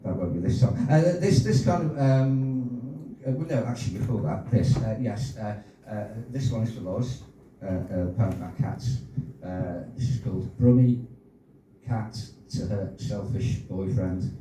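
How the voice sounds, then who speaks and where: A man in his sixties performing his own rhyming poems at an open-mic night, with halting, chatty asides between pieces and casual swearing. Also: on the low side, dark tone. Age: 60s. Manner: rhythmic rhyming delivery, hesitant rambling asides, swears. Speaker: performance poet. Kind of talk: live poetry reading with chatty asides. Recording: very echoey room, distant, faint noise.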